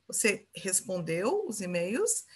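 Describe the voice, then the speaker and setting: A woman's voice: mid-range voice, very animated, slow, slightly rough. A Brazilian woman teaching an English grammar lesson, patiently repeating example phrases and checking in with her students.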